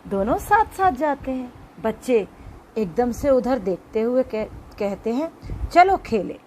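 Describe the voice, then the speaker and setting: High-voiced woman teacher reading a lesson. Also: lively intonation, measured pace, dark tone, a little hiss or hum, rough recording. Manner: explanatory, addressing children. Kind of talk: reading a children's lesson aloud.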